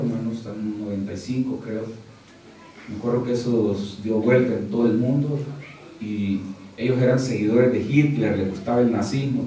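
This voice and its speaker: A man preaching a sermon as pastor, shifting from quiet storytelling to loud, high-pitched exhortation and calling the listeners brother. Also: slight background noise. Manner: keeps addressing the congregation as brother. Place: church hall. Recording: very echoey hall, mic from a distance.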